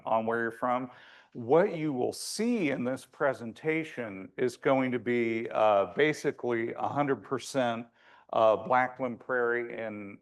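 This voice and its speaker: A landscape architect, a man with a big, medium-pitched voice, gives a presentation to an audience in a conversational lecture style. He's informal and a little wry, hesitating often as he explains.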